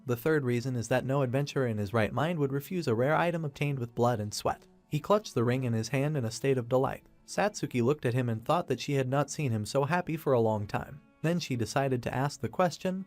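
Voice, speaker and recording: A man reading a comic story recap as scripted narration, in a steady, even storytelling read. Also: mid-range voice. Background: faint background music.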